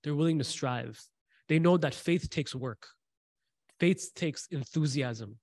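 A man with a higher-than-average, darkish voice talks slowly in a dry recording. As a teacher of a faith class, he tells stories, repeats phrases for emphasis, quizzes his listeners and recites brief Arabic passages.

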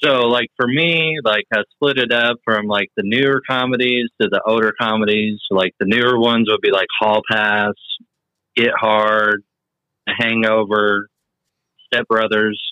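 A man's voice: lowish voice, fairly even intonation, unhurried, sharp tone, dry recording, highs cut off. A man in his forties, a podcast guest chatting bluntly and enthusiastically about movies, swearing freely. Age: 40s. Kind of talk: casual chat about movies.

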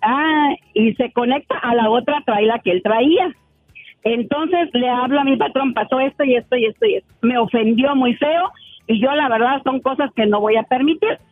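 A woman's voice: sits high, moderate pace, faint music behind. A woman calling in by phone, telling an indignant story with lots of energy. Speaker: caller. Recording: tinny phone line.

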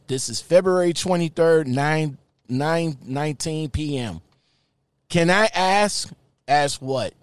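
A man reading aloud and commenting casually, with an informal, slangy and halting delivery. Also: fairly high pitch, no room sound. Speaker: online commentator.

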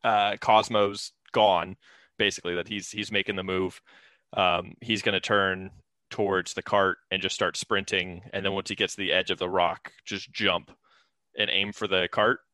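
A man playing in a tabletop game, calmly describing what his character does. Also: low voice, moderate pace, no room sound. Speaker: player. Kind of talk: casual tabletop play.

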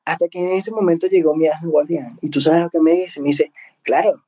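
A man's voice: on the high side, steady tone, quick pace, dark tone, poor audio. A man who works as a spiritual medium, talking casually and earnestly, often tagging his sentences with a questioning "ok?". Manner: earnest, keeps adding a questioning "ok?" tag. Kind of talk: casual conversation.

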